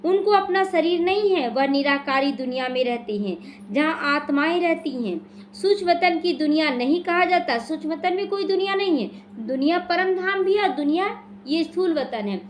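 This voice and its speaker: High-voiced woman giving a spiritual talk. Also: expressive, normal speed, a little hiss or hum. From India. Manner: explanatory, asks and answers her own questions. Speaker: spiritual teacher explaining the daily murli. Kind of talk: devotional class talk. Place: small prayer hall.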